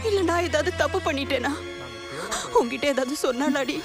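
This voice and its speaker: Frantic mother, high-pitched and pleading, music underscoring. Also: fairly quick. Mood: anxious pleading. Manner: anxious and pleading. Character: frantic mother of a missing daughter. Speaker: worried mother of a missing girl. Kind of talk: film drama acting. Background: film score music.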